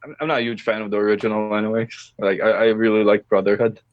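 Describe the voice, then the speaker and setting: A man's voice: lowish voice, flat delivery, fast talker, no room sound. Young man on a muffled call line. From Philippines. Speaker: podcast co-host. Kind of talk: casual chat.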